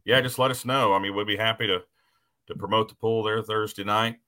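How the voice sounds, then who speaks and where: A man's voice: lowish voice, steady tone, a little fast, sharp tone. A man hosting a casual live show as a tractor pull announcer, talking in a folksy, conversational way.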